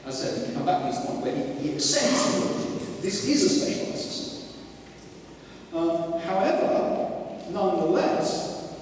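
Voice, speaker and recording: A man's voice: fairly high pitch, a little mellow, slight background noise. A man giving an academic lecture, digressive and full of restarts and asides. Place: lecture hall. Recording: echoey lecture hall, mic at a distance.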